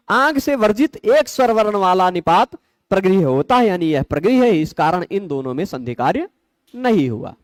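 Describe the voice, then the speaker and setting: A male Sanskrit grammar teacher, his pitch sitting high and swinging widely as he explains. He builds his points patiently, asks questions and answers them, and checks that his students follow. The recording is dry and close. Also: no room sound. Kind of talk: explanatory lecture.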